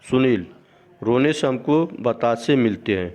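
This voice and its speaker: A man's voice: medium pitch, animated, measured pace, a little mellow, natural voice. A man reading the lines of a pleading young boy from a school play. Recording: dull lo-fi recording.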